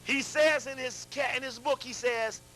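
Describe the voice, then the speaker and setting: A man lecturing a live audience, animated, asking them questions and repeating himself as he talks. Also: very high-pitched, moderate pace, slight background noise, low-quality recording. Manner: animated, addresses audience directly, repeats and restarts.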